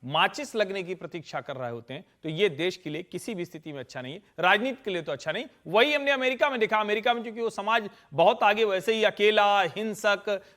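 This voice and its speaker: A man speaking as a political commentator on a TV panel, forceful and lecturing. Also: high voice, brisk, hardly any pauses. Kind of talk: TV panel debate.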